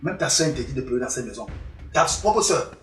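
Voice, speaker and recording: A woman's voice: very deep voice, lively intonation, quick pace. Woman doing a bossy dad, keeps repeating himself, mocking, far off mic in an echoey room. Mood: scolding. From western Cameroon. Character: stern proud African father, scolding patriarch. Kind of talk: comedy skit acting. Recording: roomy, distant mic, faint music.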